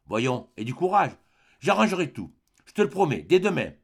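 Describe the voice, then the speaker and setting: Kind young son in an audiobook, soft and steady, reassuring, read by a man. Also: on the high side, normal speed, creaky, breathy edge, pitched above the performer's own voice, exaggerated voice. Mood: firm reassuring. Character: gentle young man comforting his mother. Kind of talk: audiobook character voice.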